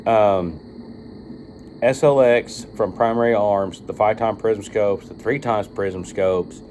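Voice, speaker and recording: A man's voice: fairly low pitch, slow, darkish tone, slight background noise. A man talking casually off the cuff to viewers as a video reviewer, rambling and informal with some swearing. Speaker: video reviewer of firearm optics. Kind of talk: casual unscripted monologue to viewers.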